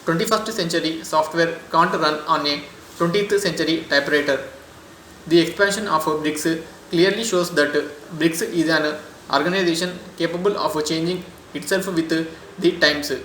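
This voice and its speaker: A man narrating a scripted news voice-over with a brisk, steady read-aloud delivery. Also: a little high, echoey room, a little hiss or hum, low-quality recording.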